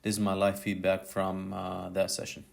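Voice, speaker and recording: Laid-back man narrating in a lowish voice. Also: completely flat delivery, normal speed, vocal fry. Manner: casual and slangy, thinking aloud. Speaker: photographer and YouTuber. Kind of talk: voice-over tutorial narration.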